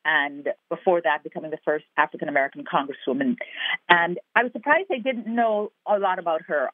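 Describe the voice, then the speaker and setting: A Guyanese actor and playwright speaks with sincerity in an interview conducted by phone, the sound thin and tinny from the telephone. Her voice is on the low side without echo, and she drives her arguments home by repeating phrases.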